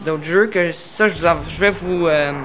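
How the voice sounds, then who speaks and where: A man's voice: a little high, steady tone, moderate pace, noisy background. Québécois gamer dude intro-ing his channel, lots of euh and restarts, trying hard to articulate. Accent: Québécois French. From Quebec, Canada. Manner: hesitant, many filler sounds and restarts; tries to articulate carefully. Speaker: gaming YouTuber. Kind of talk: casual channel introduction over gameplay.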